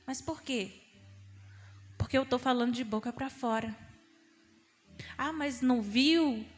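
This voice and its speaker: A woman's voice: fairly high pitch, a bit bright. Fervent young woman preaching. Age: young adult. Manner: fervent, emphatic preaching with acted-out quotes. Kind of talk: sermon. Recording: long reverb in a hall.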